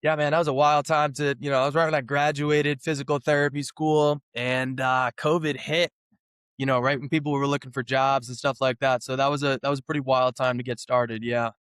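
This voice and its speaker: A thirty-year-old man from New England, a physical therapist telling his story as a guest, relaxed and full of fillers and restarts. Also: mid-range voice, brisk, clear, resonant tone, no room sound, clean studio sound. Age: 30s. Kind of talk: casual interview talk.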